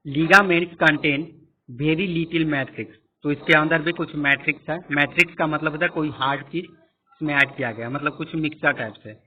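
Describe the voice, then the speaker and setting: A man teaching a class lecture, explaining each point slowly and repeating questions to the students. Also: on the high side, fairly even intonation, slightly rough. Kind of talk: classroom lecture with screen annotation. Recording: tinny phone-like audio.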